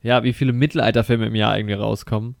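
A relaxed man rambles through a podcast film review, full of fillers, self-corrections and excited slang. His voice sits at an ordinary middle pitch. The recording is dry and close, with no room sound. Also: racing, creaky, dry recording. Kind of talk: casual film review chat.

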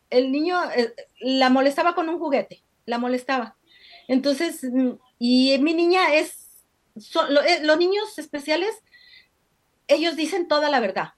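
High-voiced chatty mother telling stories. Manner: chatty storyteller, many fillers, laughs often. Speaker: guest entrepreneur. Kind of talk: casual conversation over a call.

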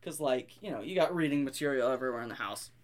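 A man's voice: medium pitch, quick pace. Guy cohosting a podcast, rambly and giggly, does the voices when he tells a story. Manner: chatty and giggly, tells stories with animated quoted reactions. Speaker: podcast co-host. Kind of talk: casual chat.

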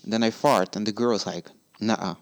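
Low-voiced young man, teasing deadpan. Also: fairly quick. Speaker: podcast co-host. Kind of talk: crude casual chat.

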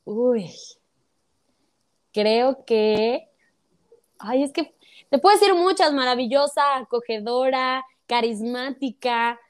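High-voiced bubbly Mexican woman. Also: slow, long pauses, no echo, clean studio sound. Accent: Mexican Spanish. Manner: bubbly, gushing, laughs a lot. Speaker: guest, social media creator. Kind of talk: casual interview chat.

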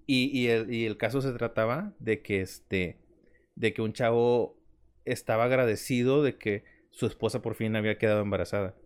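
Man, Mexican Spanish accent, casual podcast chat, slangy, animated storyteller. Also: mid-range voice, moderate pace, clean tone. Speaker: podcast co-host.

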